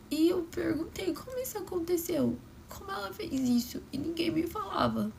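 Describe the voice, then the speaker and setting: A young woman telling a personal story in a soft, often whispered and emotional way. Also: high voice, vocal fry, a little hiss or hum.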